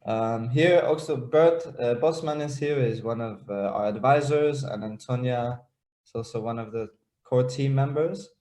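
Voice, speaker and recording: A man's voice: medium pitch, moderate pace, dark tone, reverberant. A young man from Denmark and Israel, a startup founder presenting on a video call, talking hesitantly with many fillers and restarts.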